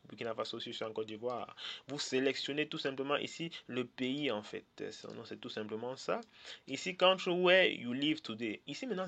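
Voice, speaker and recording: A man from Cameroon, walking viewers step by step through an online form, reading English labels aloud and pausing on fillers. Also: medium pitch, a bit bright. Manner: hesitant, many "euh" fillers, repeats points. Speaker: tutorial presenter. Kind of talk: screen-share walkthrough of an online form.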